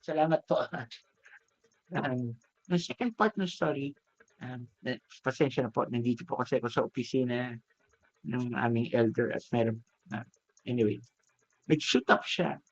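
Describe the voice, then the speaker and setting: A man preaching in a relaxed, conversational way, telling a parable from an office. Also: medium pitch, moderate pace, pauses often, muffled recording. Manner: conversational, mixes English into Tagalog. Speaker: lay preacher. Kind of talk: sermon storytelling. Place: elder's office.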